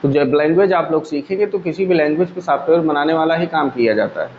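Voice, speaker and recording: A man's voice: fairly high pitch, quick pace. Man teaching in an echoey room. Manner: explains step by step with everyday examples, asks the class questions. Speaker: computer teacher. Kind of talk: classroom lecture. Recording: echoey room, dull lo-fi sound, faint hum.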